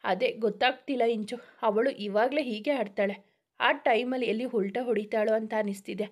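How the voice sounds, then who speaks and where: A woman voicing a young elder brother who teases his sisters and turns quiet when hurt. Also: on the high side, steady tone, moderate pace, natural voice. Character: loving, teasing young man, an elder brother.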